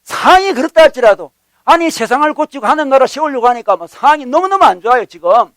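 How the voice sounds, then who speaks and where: A man preaches with a strikingly high voice and a quick, pressing pace. He swings between calm teaching and loud, acted-out prayers and replies. The sound is dry and close. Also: no echo. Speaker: pastor. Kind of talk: sermon. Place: church.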